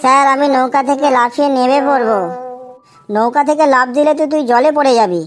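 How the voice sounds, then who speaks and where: In a Bengali comedy cartoon, a woman voices a cheeky, silly young schoolboy, giving earnest yet silly answers with a cheeky mood. Her high-pitched voice is brisk and close to her everyday voice, heard over music.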